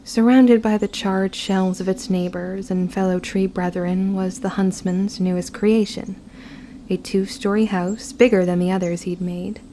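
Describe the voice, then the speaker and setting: The audio is poor, with a little hiss or hum, as a woman narrates as a guarded young witch in a scripted audio drama. Her first-person telling is brooding and reflective, formal and old-fashioned in wording. Her natural, warm medium-pitched voice stays flat and unhurried.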